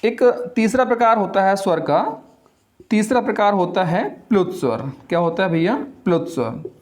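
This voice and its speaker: A young man with a high-pitched, expressive and slightly mellow voice gives a classroom lecture on Hindi grammar. He asks the class questions and answers them himself, slowly drawing out the vowels as he names them.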